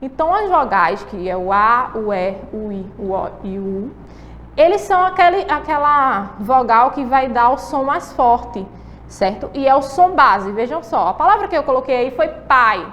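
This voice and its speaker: A woman's voice: high voice, animated, fairly bright tone, big-room sound, a little hiss or hum. A woman teacher with a Brazilian Portuguese accent, giving a patient lesson to children and often checking that they follow. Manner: patient, drawn-out explaining with frequent checking questions.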